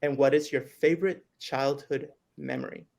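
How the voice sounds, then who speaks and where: A man's voice: medium pitch, steady tone, normal speed, vocal fry, a little mellow. A man hosting a livestream interview, enthusiastic and slipping in the odd Spanish phrase. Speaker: host.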